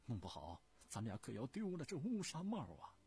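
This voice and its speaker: A man's voice: mid-range voice, huge pitch swings, normal speed, darkish tone, slightly rough, voice pushed up, exaggerated voice. A man doing a trembling, timid court official. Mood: scared. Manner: trembling, anxious.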